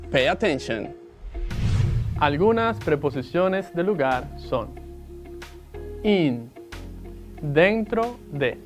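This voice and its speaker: A woman, an English teacher giving a recorded lesson. She speaks slowly and clearly and repeats words for students to copy. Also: low-pitched. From Dominican Republic. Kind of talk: recorded distance-learning lesson. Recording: faint music bed under the voice.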